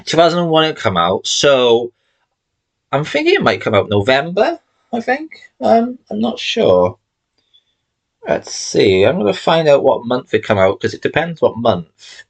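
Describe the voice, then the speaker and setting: A weary man in his thirties talks his way through a shelf of films in a loose, rambling ramble, correcting himself and tossing in the odd swear. His voice sits at an ordinary middle pitch, and he sounds tired and sleepy, as if it is late at night. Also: huge pitch swings, moderate pace. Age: 30s. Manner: rambling, chatty, swears casually, self-correcting. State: tired and yawning. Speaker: collection vlogger. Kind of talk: casual chat showing a film collection.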